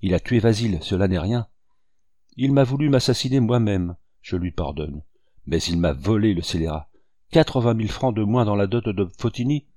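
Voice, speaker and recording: A man playing a gruff old brigand chief. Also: on the low side, animated, moderate pace, mellow, no room sound, studio quality. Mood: grieving, fierce. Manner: gruff, lamenting. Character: old male brigand chief, fierce yet grieving.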